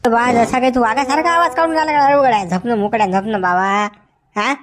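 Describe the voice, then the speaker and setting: A man's voice: very high-pitched, brisk, fairly bright tone, soft background music. A man with a Varhadi Marathi accent playing a quarrelsome village farmhand in a comedy sketch, talking in rustic banter. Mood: grumbling. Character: bickering sleepy village farmhand, male. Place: outdoors in a village field.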